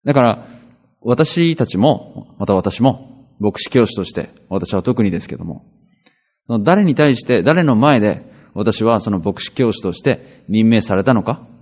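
A man's voice: fairly low pitch, expressive, unhurried, darkish tone, long reverb tail. A man preaching a sermon as a pastor, in a conversational style with rhetorical questions and frequent hesitations.

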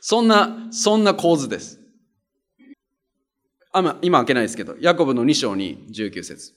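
A man's voice: mid-range voice, sing-song, moderate pace. A man preaching a conversational sermon and reading scripture aloud, earnest and plain-spoken, driving points home by repeating them. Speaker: pastor.

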